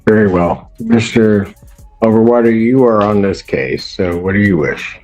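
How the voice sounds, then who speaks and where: A man presiding as judge, speaking firmly and deliberately in a courtroom recording. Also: on the low side, darkish tone, soft background music, poor audio. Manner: firm, deliberate, procedural. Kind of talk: courtroom proceedings.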